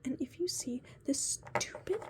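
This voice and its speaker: A woman's voice: high voice, unhurried. A woman recording a personal video diary on her phone, talking mostly in a whisper and rambling as she reflects on her goals. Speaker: video diarist. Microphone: phone camera.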